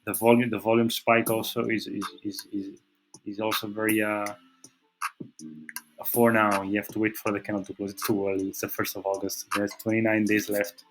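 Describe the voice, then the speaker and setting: A native Portuguese speaker with a Portuguese accent hosts a trading channel, talking through charts in a screen-share market analysis with many fillers and restarts. His voice is lowish and level at normal speed, with background noise.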